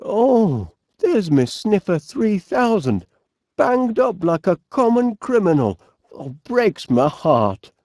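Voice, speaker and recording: The inventor character, voiced by a man in a high register, comes across regretful and thoughtful, taking his time in a full character performance. Bumbling, keen, and fussily polite with quaint wording and a Northern English accent, he's captured in clean studio sound without room noise.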